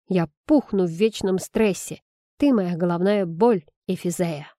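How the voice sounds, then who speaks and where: A woman's voice: on the low side, a little slow, dark tone, no room sound, clean studio sound, lightly acted. A woman voicing a plump, melodramatic male magic chipmunk who squeals, whines and huffs. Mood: offended. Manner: squealing, whiny and huffy.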